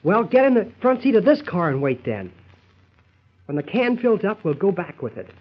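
An impatient, scheming husband in an old radio comedy, bossy and exasperated. His husky voice swings up and down as he cajoles and grumbles. The recording is dull and lo-fi. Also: high voice, very animated, moderate pace, exaggerated voice. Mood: tense, snappish.

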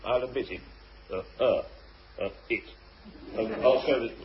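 A man's voice: mid-range voice, a little slow, close to an everyday voice. A man playing a flustered palace official in a pantomime, calling out and announcing like a fussy royal herald. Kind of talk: pantomime stage comedy acting. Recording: muffled, very noisy stage recording.

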